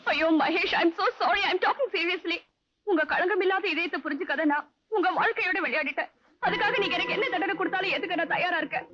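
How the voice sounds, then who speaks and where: A woman's voice: very high voice, fairly quick, bright, forceful tone. An actress playing a remorseful young woman who pleads emotionally with her suitor, in 1980s Tamil film dialogue with English phrases mixed in. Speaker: film heroine. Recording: dull lo-fi 1980s film soundtrack, faint music.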